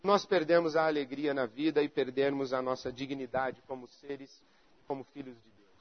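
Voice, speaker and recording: A man's voice: medium pitch, steady tone, normal speed, dull audio. A pastor preaching a conversational sermon, acting out little dialogues to make his point.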